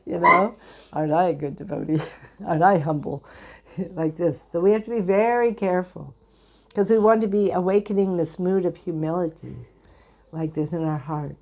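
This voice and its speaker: A woman giving a devotional discourse in an earnest, gentle storytelling way. Her voice is warm and mellow and sits a little low. She often slips into short quoted lines as she teaches. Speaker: spiritual teacher.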